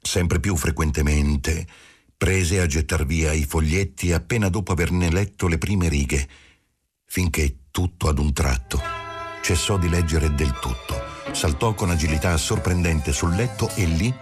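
A man reading a literary novel aloud as an audiobook, measured and deliberate. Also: rumbling low, husky, faint music behind. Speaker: audiobook reader. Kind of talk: scripted literary narration.

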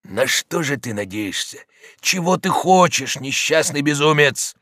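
A man voicing a stern, commanding older male high judge who speaks insistently in an audiobook. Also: lively intonation, unhurried, a bit bright, no room sound, studio quality.

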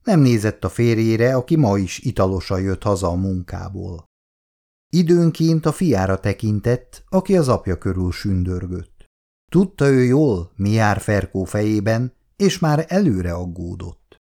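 A man reading a novel aloud as narrator in an expressive, animated reading voice. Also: on the low side.

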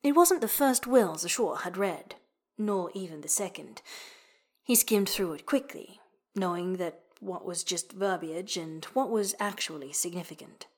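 Woman narrating a story, hushed phrase ends. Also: fairly low pitch, expressive, a little slow. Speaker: audiobook narrator. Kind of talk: scripted narration.

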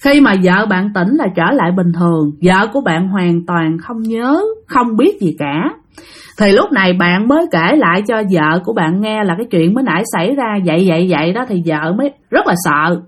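A woman's voice: mid-range voice, lively intonation, moderate pace, breathy edge. A woman narrating a ghost story, chatty and addressing listeners directly.

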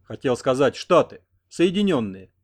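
A man's voice: medium pitch, big pitch swings, moderate pace. A man reading an audiobook, voicing a fawning, easily flustered local man. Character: nervous fawning local man, eager to please.

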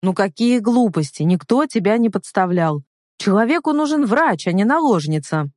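A woman's voice: mid-range voice, animated, moderate pace, darkish tone, no room sound, studio quality, voice pushed up, natural voice. A woman doing a fussy, wheedling head doctor. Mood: placating. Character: fussy middle-aged male head doctor, evasive.

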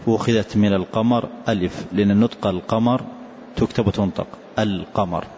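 A man teaching as a sheikh patiently repeats a line a student has recited and then explains the text to the class. His voice is fairly low, steady, fairly quick and darkish, heard on a dull lo-fi lesson recording with faint hiss.

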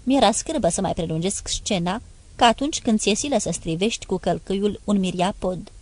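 A woman giving a measured, expressive first-person reading as the narrator of a literary audiobook. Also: mid-range voice.

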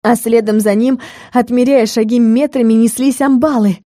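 A woman reading a first-person fantasy audiobook in a lively storyteller manner, putting on voices for the characters. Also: a little high, moderate pace, dry recording, clean studio sound. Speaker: audiobook reader.

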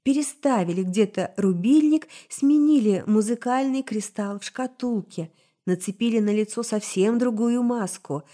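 A woman narrating a fantasy novel in the first person, measured and dramatic. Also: fairly high pitch, dark tone. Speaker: audiobook narrator.

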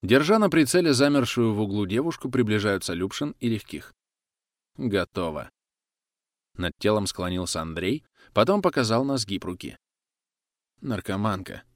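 A man's voice: on the low side, expressive, normal speed, long pauses, dry recording. A man reading a first-person action story aloud with dramatic storytelling on a close mic. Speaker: audiobook narrator. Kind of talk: first-person audiobook narration.

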